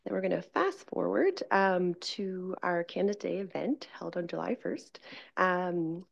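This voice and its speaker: A woman's voice: lowish voice, measured pace, vocal fry. Woman giving a council presentation at the podium, lots of ums, slightly dull meeting audio. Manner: steady, with frequent ums and uhs. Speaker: committee delegate presenting. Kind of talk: formal presentation. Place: council chamber.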